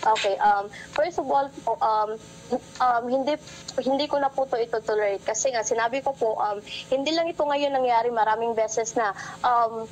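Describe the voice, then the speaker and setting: A woman's voice: a little high, normal speed, slight background noise, poor audio. A young woman making a complaint, hesitant with many fillers, polite to the host. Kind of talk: complaint on a call.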